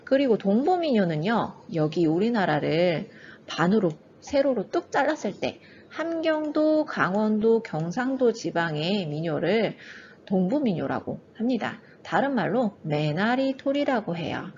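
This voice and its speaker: A woman's voice: medium pitch, big pitch swings, a little slow, darkish tone, a little hiss or hum. Woman teacher explaining folk songs, sings bits as examples, kinda dull lo-fi audio. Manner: explains patiently, sings folk melody snippets to demonstrate. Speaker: music teacher. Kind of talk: exam-prep music lesson with sung examples.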